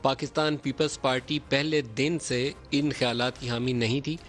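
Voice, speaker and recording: A man's voice: mid-range voice, fairly even intonation, soft background music. A man hosting a political talk show, delivering emphatic, declamatory commentary from a TV studio.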